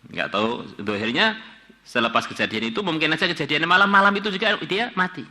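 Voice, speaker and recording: A man giving a sermon, reading Arabic lines and translating them phrase by phrase, with sudden loud rises and quiet drops. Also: fairly high pitch, lively intonation, brisk. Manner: reads Arabic text then translates it phrase by phrase. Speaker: preacher. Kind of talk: afternoon religious study sermon.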